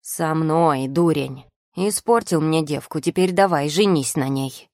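A woman voicing a grumpy, loud-mouthed male furry familiar creature who scolds and yells indignantly. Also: low-pitched, normal speed, dry recording, clean studio sound. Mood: grumbling, indignant.

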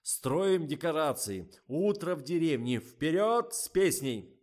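A bossy, hot-tempered film director yells at his crew, voiced by a man reading a story. He barks short orders in a raised, lively voice that jumps up and down. It sounds like a comic audiobook scene. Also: mid-range voice, takes it slowly, voice pushed up. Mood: commanding. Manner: shouting, barking orders.

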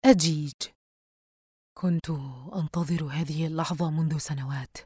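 A woman voicing a possessive male demon of shadow in an audiobook, speaking in a slow, measured, ominous way. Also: low voice, steady tone, dark tone, breathy edge, no room sound, clean studio sound.

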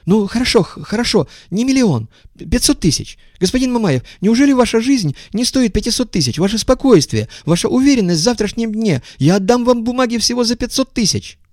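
A man voicing a jittery scheming man with a thin, squeaky voice who stammers as he bargains. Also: very animated, brisk, hardly any pauses, darkish tone, dry recording, studio quality. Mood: pleading.

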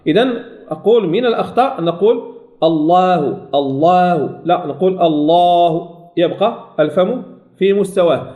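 A man teaching recitation rules, repeating each point and slowly demonstrating the sounds. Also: sits high, lively intonation, roomy sound, phone-quality sound. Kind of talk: tajweed lesson.

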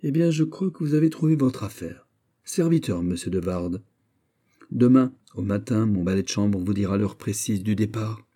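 A man voicing a proud, menacing English duke who speaks forcefully and challengingly, in a storybook reading. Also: on the low side, expressive, moderate pace. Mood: ironic.

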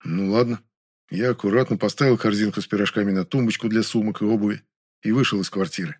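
A man narrating a first-person audiobook in a calm, wry tone. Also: on the low side, quick pace, dry recording, clean studio sound.

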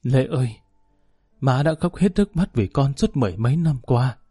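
Audiobook: male narrator reads an older mother mourning her son, slow lament, dark timbre. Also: medium pitch, lively intonation, husky, no room sound, studio quality, soft background music. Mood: grieving.

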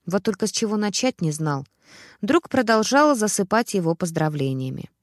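A woman reads a family drama aloud in a steady, expressive storytelling voice. Her pitch sits in the middle range. The recording is close and dry, with no room echo. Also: normal speed. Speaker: narrator. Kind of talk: audiobook story narration.

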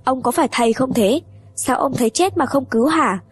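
Woman doing a sharp, scolding aunt. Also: high voice, normal speed, no echo, pitched above the performer's own voice. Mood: scornful. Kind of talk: audiobook reading.

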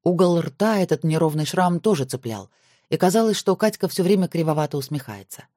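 A woman narrating a novel aloud in an even storytelling manner. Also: fairly low pitch, brisk, dry recording, clean studio sound. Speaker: audiobook narrator.

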